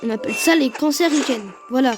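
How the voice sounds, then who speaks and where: High-voiced woman commentating on a game. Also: fairly quick, background noise. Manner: reacts aloud to play with exclamations. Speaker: gaming video host. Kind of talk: casual gameplay commentary.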